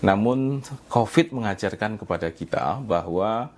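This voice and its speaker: Low-voiced man explaining at length. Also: a little slow. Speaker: energy researcher guest. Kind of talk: casual talk show conversation.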